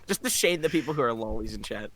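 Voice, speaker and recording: A man's voice: mid-range voice, expressive, quick pace, noisy background. A young man co-streaming a game, joking and hesitant, trying out character voices. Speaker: streamer co-player. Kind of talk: casual chat and playful voicing.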